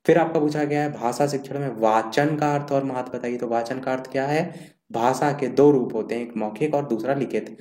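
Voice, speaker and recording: A man's voice: medium pitch, a little fast, a little mellow. A man teaching an exam revision lesson, steadily listing and explaining points one after another while scrolling through notes. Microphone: screen-recorded voice-over. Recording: echoey room.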